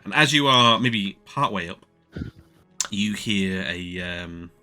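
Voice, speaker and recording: Man, game master, lively pitch, bright tone, fillers, laughs a lot, faint music behind. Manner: chatty, laughs often, halting with fillers. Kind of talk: narrating a tabletop game.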